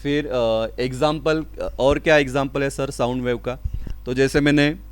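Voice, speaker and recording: Male physics teacher, step-by-step lecture, rhetorical questions, slow read-out definitions, dry close sound. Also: mid-range voice, fairly even intonation, clean tone, no echo. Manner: explains step by step, asks and answers his own questions; mixes Hindi with English terms, reads definitions slowly. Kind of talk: classroom lecture.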